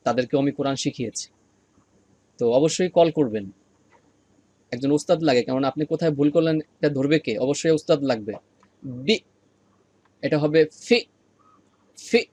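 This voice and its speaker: A man teaching an online Quran reading lesson, patiently repeating each sound slowly for practice. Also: a little high, a little mellow, no echo.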